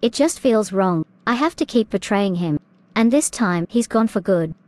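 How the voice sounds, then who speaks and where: A woman's voice: mid-range voice, expressive, normal speed, darkish tone, slight background noise, lightly acted. A woman voicing an anxious, earnest rabbit toy in a cartoon drama. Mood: worried.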